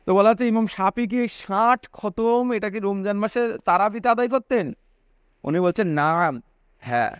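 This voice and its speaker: High-voiced preacher man, dry close sound. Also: steady tone, moderate pace, clear, resonant tone, no echo. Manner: repeats phrases for emphasis, asks listeners questions. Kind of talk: religious sermon to students.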